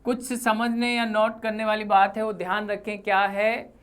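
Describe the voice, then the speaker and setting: A woman teaching Hindi grammar for exam preparation over slides, saying each sound slowly with example words. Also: medium pitch, level tone, smooth. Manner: slow, deliberate, spells out sounds with example words. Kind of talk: exam-prep lesson.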